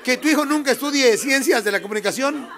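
A man's voice: very high voice, fast talker, fairly bright tone, some chatter behind. A man with a Mexican Spanish accent doing profane, rowdy stand-up comedy, laughing often and teasing the audience. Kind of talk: stand-up comedy with crowd work.

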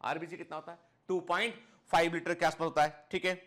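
High-pitched man teaching a lesson. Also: flat delivery, fast talker, a bit bright. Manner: explanatory, addresses students fondly as children; checks understanding with frequent short tag questions. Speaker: biology teacher for medical entrance students. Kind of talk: recorded lecture for students. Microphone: clip-on lapel mic.

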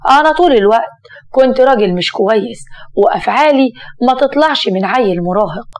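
Older dad guy, gruff and kinda foolish, a woman reading him in a story, voice on the high side. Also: animated, fairly quick, lightly acted. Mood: remorseful. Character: foolish older man, stubborn then remorseful.

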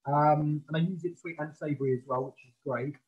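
In a professional kitchen, a chef stands back from his camera during a live video-call cooking demo, explaining step by step in a clear, relaxed way. His voice is a little high and a little fast, with fairly even intonation and a darkish tone. The recording sounds muffled.

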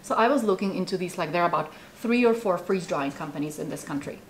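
Czech-accented woman, lower voice. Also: quick pace, a little hiss or hum. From Czech Republic. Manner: animated, talks with hands, many fillers. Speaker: food company founder. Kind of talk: casual interview chat. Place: small office with bookshelves, indoors.

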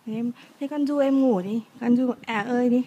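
A mother, gently coaxing her small child at home and prompting each line. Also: a little high, brisk, highs cut off, slight background noise. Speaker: mother filming her toddler. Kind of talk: casual home chat with a child.

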